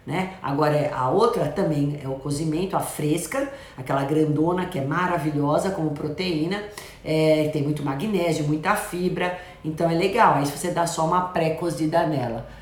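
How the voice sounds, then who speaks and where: A woman's voice: low-pitched, moderate pace. A middle-aged woman doctor, casually answering viewer comments on a live stream. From Brazil. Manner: chatty, reads comments aloud and gives friendly advice. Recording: roomy echo.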